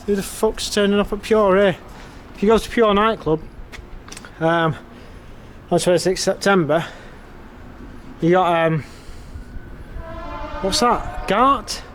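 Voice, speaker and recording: A man's voice: high voice, takes it slowly, long pauses, fairly bright tone, slight background noise. An English man vlogging as he walks a town's streets and pubs, giving a blunt, sweary, wry running commentary. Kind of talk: casual walking vlog. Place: outdoors on town streets at night, then inside a pub.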